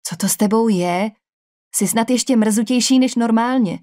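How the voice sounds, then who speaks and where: A woman's voice: fairly high pitch, warm tone, no room sound, clean studio sound, lightly acted. Woman doing a young male soldier, cheerful, teasing, light joking banter, Czech accent, audiobook.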